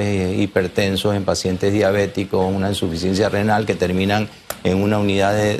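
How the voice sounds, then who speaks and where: A man's voice: low voice, a little hiss or hum. A man speaking as a doctor in an interview, explaining emphatically and repeating key phrases.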